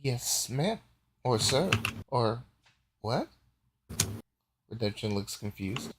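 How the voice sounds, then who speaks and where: A relaxed man runs a tabletop game at a slow, unhurried pace, narrating in a mid-range voice. He talks casually and loosely, stopping often on fillers and breaking into easy laughter. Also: medium pitch, background noise. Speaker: game master.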